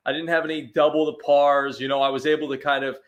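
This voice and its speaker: A man's voice: a little high, level tone, quick pace, lo-fi sound. A man chatting as a guest on a sports talk show, telling easygoing stories with frequent restarts. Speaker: sports radio host, guest. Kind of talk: casual chat.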